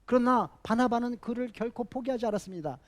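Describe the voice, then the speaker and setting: High-voiced man preaching a sermon. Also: quick pace. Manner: emphatic, repeats key phrases, asks the congregation rhetorical questions. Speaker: pastor.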